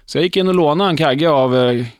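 A man's voice: fairly high pitch, clear, resonant tone, no room sound. Podcast co-host guy telling a long story, chatty, dry sound. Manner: anecdotal, explains at length. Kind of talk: casual chat.

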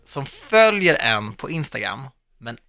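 A man's voice: medium pitch, big pitch swings, gravelly, bright, forceful tone, soft background music. A man co-hosting a podcast in casual chat, playful and jokey. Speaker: podcast co-host.

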